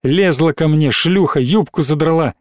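A man's voice: a little high, normal speed, no echo, studio quality, close to an everyday voice. A man reading an audiobook, voicing a drunk, angry teenage boy who hisses with scorn. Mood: hissing. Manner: scornful, hissing.

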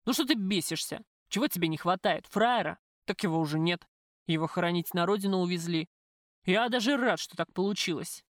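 A woman reading an audiobook, voicing a coarse, possessive male gang boss who talks in rough slang. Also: lowish voice, a little fast, no room sound, studio quality, natural voice.

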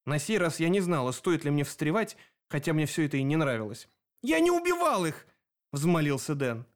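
Male audiobook narrator, measured, slightly high voice. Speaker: audiobook reader. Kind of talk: scripted narration.

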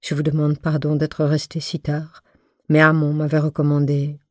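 A woman's voice: deep voice, completely flat delivery, moderate pace, a little mellow, no echo, clean studio sound, lightly acted. A woman voicing an eager, shy young man in love, pleading fervently in an audiobook. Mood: polite, eager. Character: ardent shy young male suitor, eager.

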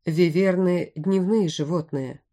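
A self-assured young prince speaks with calm confidence, voiced by a woman narrator. The tone is mellow and dark. It belongs to an audiobook. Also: lowish voice, a little slow. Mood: confident. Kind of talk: audiobook character voice.

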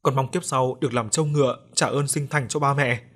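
A man's voice: mid-range voice, steady tone, brisk, a bit bright, lightly acted. Give me the sorrowful ghost of a young woman, voiced by a man. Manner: sorrowful, apologetic.

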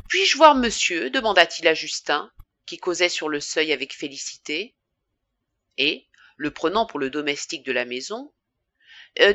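Expressive woman reading a novel aloud. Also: fairly low pitch, no room sound. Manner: expressive, varied intonation. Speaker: audiobook reader. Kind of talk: scripted narration of a classic novel.

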